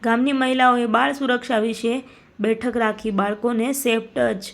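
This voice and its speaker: A woman reading a scripted moral story in a steady, solemn narrating voice. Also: on the high side, normal speed, gravelly.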